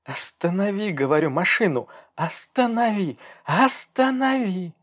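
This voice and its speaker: A man voicing a furious, defiant young pregnant woman who shouts and pleads in a raised voice. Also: on the high side, very animated, moderate pace, pitched above the performer's own voice. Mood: shouting.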